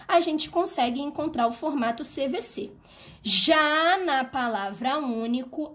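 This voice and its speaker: A woman teaching a video lesson for children, patient and step by step, checking in often and singing out words to show the stressed syllable. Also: a little high. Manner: patient, explains step by step, frequent "tá?" and "né?". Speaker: primary school teacher.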